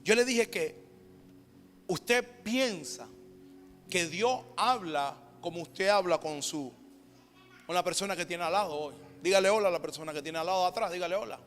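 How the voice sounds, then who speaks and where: A man with a Panamanian Spanish accent preaching a sermon as pastor, swinging from loud, emphatic declarations down to hushed near-whispers. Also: high-pitched, moderate pace. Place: church sanctuary. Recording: reverberant church hall with background music.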